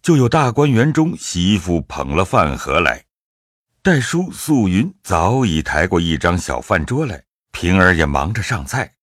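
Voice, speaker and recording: Deep husky storytelling narrator. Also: male voice, very animated, unhurried, a bit bright, no echo, studio quality.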